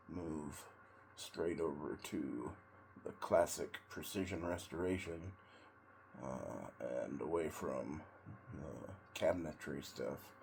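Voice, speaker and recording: A man sitting in ice cold water, giving a casual, rambling monologue in a halting way with long pauses between short phrases. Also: sits low, gravelly, slight background noise. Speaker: vlogger, tradesman in auto body and paint.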